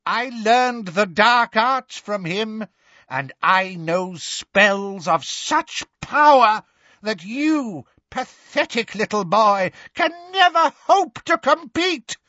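A man voicing a cruel, gloating dark witch in an audiobook, taunting and fanatical with drawn-out words. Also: sits high, expressive, no echo, muffled recording, voice pushed up, exaggerated voice. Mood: fierce, fanatical. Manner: taunting, drawn-out, mock baby talk at times. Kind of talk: audiobook character voice.

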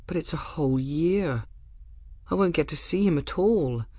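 A man's voice: a little high, animated, normal speed, a little mellow, dry recording, voice pushed up. A fretful, stubborn young woman from a storybook, as a male narrator puts her on. Her voice is raised above his usual and swings widely as she pleads and protests, and the recording is dry and close. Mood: anxious, protesting. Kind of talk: audiobook character voice.

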